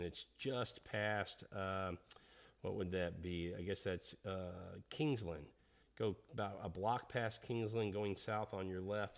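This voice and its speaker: A man co-hosting a podcast, chatting casually and rambling with restarts. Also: lowish voice. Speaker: podcast co-host. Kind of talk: casual chat.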